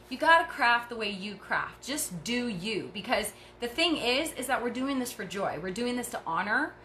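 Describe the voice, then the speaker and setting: Talking as she crafts, a tired-sounding middle-aged woman gives a casual, chatty, encouraging demonstration. Her fairly high voice is pushed and bright, with a little noise in the background.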